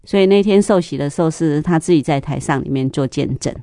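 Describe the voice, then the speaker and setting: A middle-aged woman, sharing a church testimony in an interview, telling stories lively and acting out the dialogue. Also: deep voice, fast talker, no room sound, clean studio sound. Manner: lively storyteller, acts out dialogue, laughs often.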